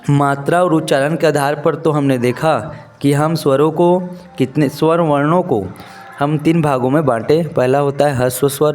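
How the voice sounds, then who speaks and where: A male teacher giving a lesson, who asks his students questions, answers them himself and repeats key terms slowly. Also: fairly high pitch, a little mellow. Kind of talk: classroom-style lesson.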